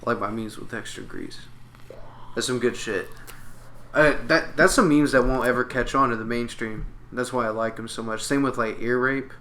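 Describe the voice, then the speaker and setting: A young man with a bright, forward voice, chatting casually on a podcast. His talk is crude and playful, full of loose jokes. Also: medium pitch, moderate pace, a little hiss or hum. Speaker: podcast co-host. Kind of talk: casual chat.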